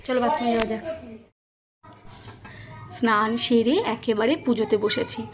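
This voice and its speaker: A woman with a voice on the high side keeps a steady tone and moderate pace as she chats to her viewers. She's a home vlogger, narrating her chores at home in the kitchen and on the rooftop.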